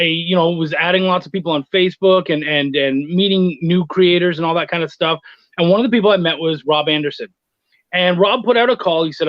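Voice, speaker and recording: A middle-aged freelance editor and writer guests on an interview, chatting casually, sharing anecdotes, and performing snippets of dialogue. His voice is high, and the dry recording is lo-fi livestream audio.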